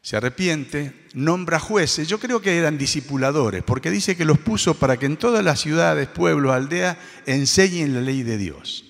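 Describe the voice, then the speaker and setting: A man's voice: fairly high pitch, lively intonation, normal speed, vocal fry, few pauses. A male pastor preaching a sermon, telling a story and acting out the voices of its characters. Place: church hall. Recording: long hall reverb.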